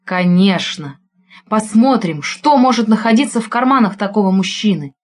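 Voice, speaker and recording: A woman reading a thriller audiobook in an expressive narrating voice. Her pitch sits in a middle range for a woman. She follows the heroine's thoughts closely. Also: normal speed.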